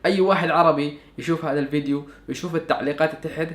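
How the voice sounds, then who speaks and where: A man's voice: fairly high pitch, steady tone, racing, reverberant. A young man with a Sudanese Arabic accent, chatting casually in a vlog and thinking aloud with lots of fillers. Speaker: YouTuber.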